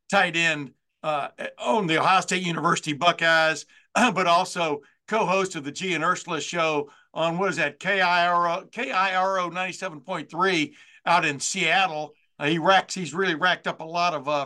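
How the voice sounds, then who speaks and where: A man's voice: on the high side, pushed and bright. A man in his sixties hosting a sports talk show, chatting in a rambling way with plenty of fillers and restarts. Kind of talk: casual sports interview.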